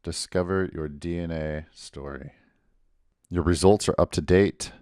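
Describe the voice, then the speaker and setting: Deep-voiced man hosting a genealogy vlog. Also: fairly even intonation, a little slow, darkish tone, clean tone, dry recording, clean studio sound. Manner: methodical, walks through percentages step by step. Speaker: genealogy channel host. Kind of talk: casual explanatory vlog.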